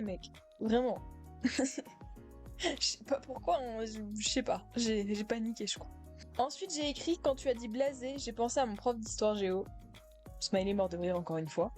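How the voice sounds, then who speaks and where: A teenage girl in high school, casually reacting to her own old comments, self-mocking, with many fillers and laughs. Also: darkish tone. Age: teens.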